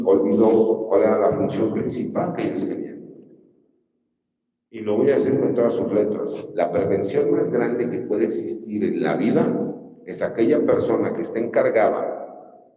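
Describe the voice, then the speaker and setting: A man's voice: on the low side, warm tone. A Mexican man giving an emphatic campaign speech as a judicial candidate, often putting rhetorical questions to his listeners. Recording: distant mic in a reverberant hall.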